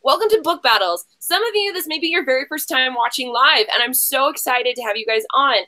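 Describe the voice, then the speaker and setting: A woman hosts a casual livestream game show, gushing and chatting, rambling and cutting herself off with slangy asides. Her high voice is bright and pushed, brisk, with lively intonation.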